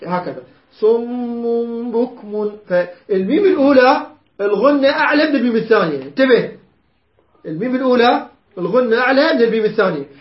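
Man, recitation teacher, very high voice, roomy dull recording. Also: lively intonation. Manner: chants verses slowly, quizzes students. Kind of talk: tajweed lesson with recitation.

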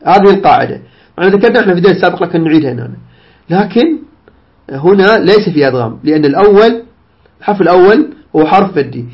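A man with a high voice gives a recitation lesson. He is sick, and his voice comes out strained. He repeats each example slowly and patiently, and the recording sounds dull and lo-fi. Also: expressive. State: unwell, voice strained. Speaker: Quran recitation teacher.

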